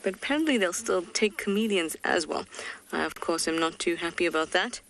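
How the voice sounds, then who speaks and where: A woman's voice: lowish voice, a little fast, vocal fry, a bit bright. Playful woman safari guide. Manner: playful, chatty. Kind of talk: live wildlife commentary. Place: outdoors in the bush.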